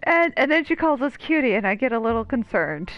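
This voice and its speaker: A woman streamer comments casually on a game and reads its dialogue aloud, her high-ish voice swinging widely in pitch at a brisk pace. The mic sounds dull and muffled over the game music.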